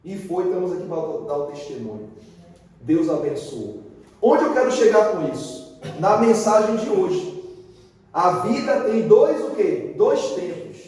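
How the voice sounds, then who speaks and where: High-voiced preacher in an echoey church hall. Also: male voice, measured pace, far from the mic. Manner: lively storyteller who acts out the dialogue. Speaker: pastor. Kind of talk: sermon with storytelling.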